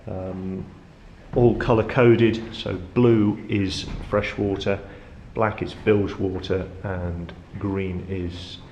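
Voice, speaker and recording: A man with a low-pitched voice gives an informal guided tour, explaining as he goes. His intonation stays very flat. The sound is echoey, as in a metal-walled engine room, with a faint background noise. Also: slow. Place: inside a ship's engine room.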